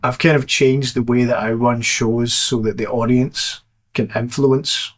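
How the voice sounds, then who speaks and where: A man's voice: mid-range voice, fairly even intonation, measured pace. Man, casual chat, hesitant, restarts sentences, game master. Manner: hesitant, repeats words at starts. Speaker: dungeon master of a live show.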